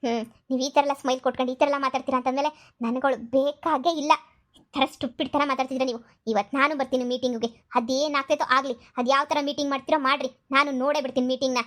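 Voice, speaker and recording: She speaks very fast in a high, steady, slightly bright voice, playing a young wife in an animated comedy. Jealous and nagging, the character accuses, needles, and circles back to the same complaints.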